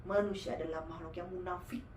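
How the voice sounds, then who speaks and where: A woman's voice: fairly low pitch, steady tone, fast, darkish tone, reverberant, a little hiss or hum, pitched below the performer's own voice, lightly acted. A woman voicing a demon that possesses a small boy, speaking with cold contempt in a told horror story. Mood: scornful.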